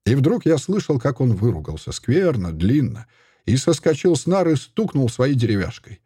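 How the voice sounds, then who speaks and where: A man narrating a first-person literary story in a measured, expressive way. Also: mid-range voice, slightly rough, dry recording, clean studio sound. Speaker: audiobook narrator.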